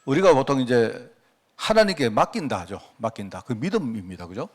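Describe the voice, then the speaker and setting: Male pastor, middle-aged, mid-pitched voice, relaxed conversational sermon delivery. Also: fairly quick. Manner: conversational, rhetorical questions, acts out quoted prayers. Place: church sanctuary.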